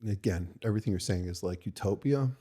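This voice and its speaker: This American man's voice is low, warm and husky as he discusses recovery. A rabbi appearing as a podcast guest, he tells candid stories conversationally, thoughtfully and haltingly, often restarting and adding "right?"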